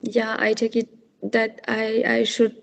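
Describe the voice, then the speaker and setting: A woman from Senegal, a hospitality consultant, talking slowly and hesitantly with many fillers and restarts as a guest on a video call interview. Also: on the high side, completely flat delivery, gravelly, slight background noise.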